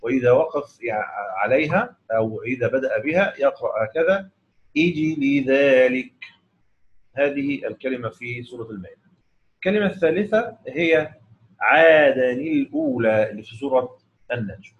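A man with an Egyptian accent and a mid-range, lively voice teaches the rules of Quran recitation, explaining casually and then slowly chanting each verse to demonstrate the reading. The recording is dull and lo-fi.

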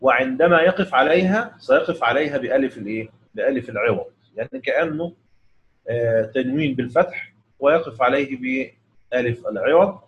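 A man's voice: mid-range voice, expressive. Egyptian man teaching Quran recitation. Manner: explains in colloquial speech, then chants the verses slowly and drawn out. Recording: dull lo-fi recording.

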